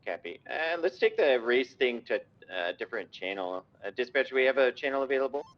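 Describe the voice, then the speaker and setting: Brief: male officer heard over a walkie talkie, mid-pitched, clipped radio codes with hesitant pauses, dull lo-fi sound. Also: expressive. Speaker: police officer in a roleplay. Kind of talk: roleplay radio chatter.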